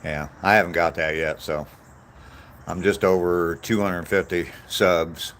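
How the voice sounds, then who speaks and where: A vlogger in his sixties reads live chat on an outdoor walk, responding to comments in a casual, meandering, self-deprecating style. His fairly bright voice sits low and stays steady, moving a little slowly, with slight background noise present.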